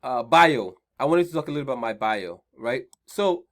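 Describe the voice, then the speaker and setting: A man's voice: mid-range voice, animated, moderate pace. A man with a Nigerian accent hosting an online career seminar, chatty, often repeating his points and checking in with "right?". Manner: conversational, repeats key points, frequent "right?" check-ins. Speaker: seminar host.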